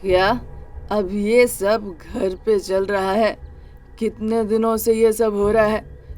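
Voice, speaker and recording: An actor voicing a slow, menacing drunken husband. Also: mid-range voice, little pitch movement, darkish tone, close to an everyday voice. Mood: suspicious. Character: drunken abusive husband, cruel and threatening.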